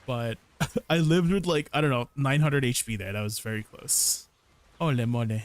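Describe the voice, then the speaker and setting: Streaming his gameplay, a young man at a normal speed and a mid-range voice chats casually about combos and responds to viewer questions, tacking "right?" onto many sentences. The recording is dry.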